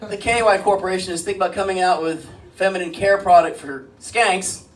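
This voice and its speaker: A man with a high voice delivers a stand-up set in a flat, deadpan way, landing crude one-liners. The sound is a live club recording, caught a little far from the mic with a faint hiss under it. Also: a little fast. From Springfield, US. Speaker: stand-up comedian. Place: comedy club stage. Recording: live club mic heard from a distance, light noise.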